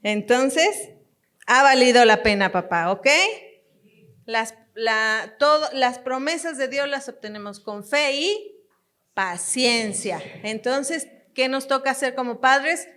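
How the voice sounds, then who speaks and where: Slow, emphatic woman pastor. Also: sits high, fairly bright tone. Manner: emphatic and repetitive, addressing parents directly with light laughter. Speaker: pastor and teacher. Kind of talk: family teaching sermon.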